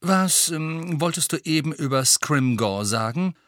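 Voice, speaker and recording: A calm, soft-spoken wizard who speaks in a measured way, read by a man in a storybook reading. The recording is dry. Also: fairly high pitch, no room sound, voice pushed up. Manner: quiet, measured.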